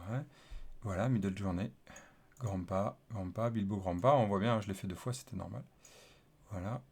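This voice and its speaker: A man's voice: lowish voice, darkish tone, a little hiss or hum. A man talking through a casual coding screencast, thinking aloud as he types, with lots of fillers and repeated okays. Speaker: developer teaching coding. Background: keyboard typing and clicks.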